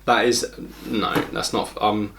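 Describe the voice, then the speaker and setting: A man hosts a casual beer review video from his table. He talks bluntly and swears a lot, sounding exasperated at times. A soft background hiss is heard under his voice. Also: on the low side, flat delivery, takes it slowly, gravelly. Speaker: beer reviewer, channel host. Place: at home, at a table.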